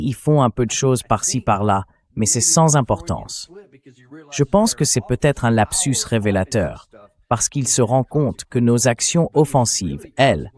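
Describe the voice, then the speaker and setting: In a French translated voice-over, a man hosts a political commentary show, speaking critically and using incredulous rhetorical turns. His voice is medium-pitched with a darkish tone.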